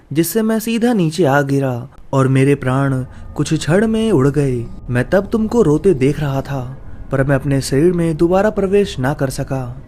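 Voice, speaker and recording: A man's voice: mid-range voice, dark tone, slight background noise, natural voice. A man voicing the sad, stubborn ghost of a dead boy who has taken over a child, in a read-aloud horror story.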